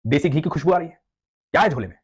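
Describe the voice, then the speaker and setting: A man's voice: fairly high pitch, lively intonation, fast talker, breathy edge. A man voicing a playful, caring cowherd boy of about ten who coaxes and pleads in a storybook tale. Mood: pleading. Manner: coaxing, pleading.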